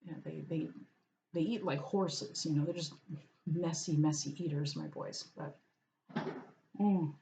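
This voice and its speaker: A woman's voice: deep voice, a little slow, pauses often, dark tone, a little hiss or hum. A woman vlogging at home, chatting casually and meandering over her lunch. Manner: chatty, meandering, talks to her cat aside.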